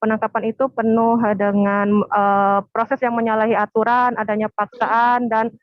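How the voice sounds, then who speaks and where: A woman reporting live by phone, speaking hesitantly with many filler pauses. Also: on the high side, flat delivery, dry recording. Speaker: field reporter. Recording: tinny phone line, dry, faint music.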